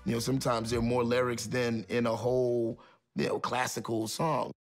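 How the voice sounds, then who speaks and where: A hip-hop musician speaking in a documentary interview in a measured, deliberate way. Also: male voice, medium pitch, little pitch movement, loud music behind the voice.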